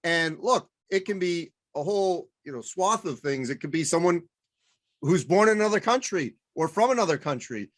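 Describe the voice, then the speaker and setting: A man with a fairly high voice hosts a conversational interview. He asks loose, rambling questions and leans on plenty of fillers along the way. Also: expressive, moderate pace. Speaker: interview host.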